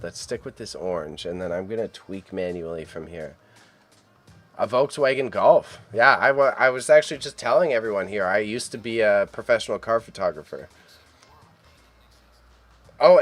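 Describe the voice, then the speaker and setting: A Canadian man in his thirties livestreams from a room at home in casual chat, first muttering to himself while editing photos and then talking easily with viewers. His voice is on the low side.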